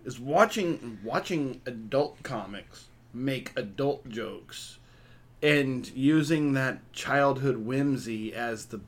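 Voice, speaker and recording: Rambling man, lively intonation. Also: mid-range voice, slow. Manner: rambling, many "like" fillers, laughing. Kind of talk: casual chat.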